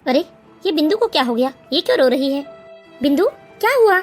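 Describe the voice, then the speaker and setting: A gentle cartoon husband. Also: female voice, high-pitched, big pitch swings, a little fast, soft background music. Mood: caring. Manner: soft, reassuring. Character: gentle caring young husband. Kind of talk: Hindi cartoon voice acting.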